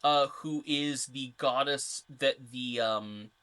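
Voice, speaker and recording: A man's voice: mid-range voice, takes it slowly, pushed and bright. Rambling male podcast co-host. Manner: explains game lore in a loose, rambling way. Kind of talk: casual chat.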